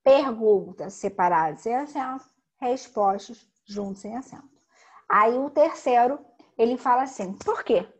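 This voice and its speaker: A woman teacher walks students through a grammar lesson. Her voice is somewhat husky and a little higher than average. She stresses each rule slowly and checks in often with quick tag questions. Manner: slow emphatic explaining with frequent tag questions.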